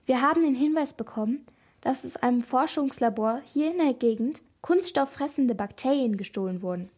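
Woman reading a stern older policeman, formal, firm, high voice, children's story. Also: animated, normal speed, a little mellow, breathy edge. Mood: explaining.

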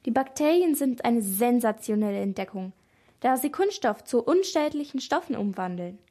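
Woman reading a stern older policeman, formal, firm, high voice, children's story. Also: animated, normal speed, mellow. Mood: explaining.

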